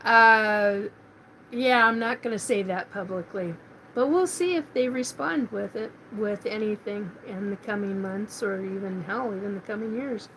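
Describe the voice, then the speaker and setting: A woman's voice: medium pitch, unhurried, a bit bright, a little hiss or hum, low-quality recording. A middle-aged woman from Washington State hosting a live paranormal chat, rambling casually with many fillers and restarts. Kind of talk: casual live-stream monologue.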